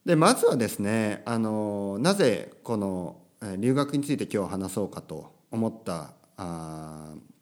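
A man's voice: lowish voice, big pitch swings, unhurried. A man hosting a podcast for language learners, talking casually from home in a chatty, rambling way with plenty of fillers and tag words. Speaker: podcast host. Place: home with a washing machine running.

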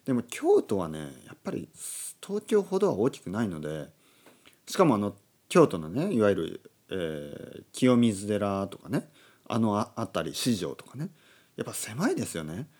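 A man from Oita, Japan, hosting a relaxed solo talk for learners, explaining slowly and glossing words in English. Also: on the low side. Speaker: podcast host. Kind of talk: casual monologue for Japanese learners. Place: indoors at a table.

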